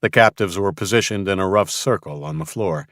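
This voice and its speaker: A man narrating an audiobook in a steady, even reading voice. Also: low-pitched, brisk, no echo, clean studio sound. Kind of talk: scripted narration.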